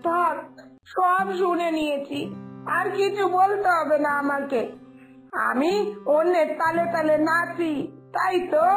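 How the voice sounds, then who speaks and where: A woman's voice: very high-pitched, low-quality recording. A woman voicing an offended middle-aged village neighbour in a cartoon, talking in a hurt, sarcastic and self-pitying way. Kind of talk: Bengali cartoon voice acting.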